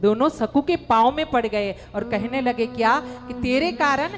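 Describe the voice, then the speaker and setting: Slow-speaking woman telling a devotional story. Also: on the high side, over music. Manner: acts out characters' dialogue with feeling. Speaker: religious storyteller. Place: religious gathering hall.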